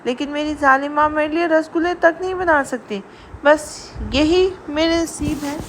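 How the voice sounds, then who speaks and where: A sulky young wife who overplays every grievance, whining and pleading in a high, light voice, as a woman puts her on. She speaks like a character from an audio novel. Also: a little hiss or hum, close to an everyday voice. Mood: whiny pleading. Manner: whiny and pleading. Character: stubborn, dramatic young wife who sulks.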